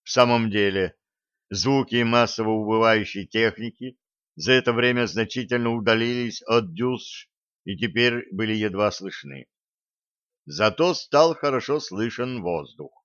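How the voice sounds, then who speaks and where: A man's voice: lowish voice, fairly bright tone, no room sound, dull audio. Man narrating a first-person audiobook.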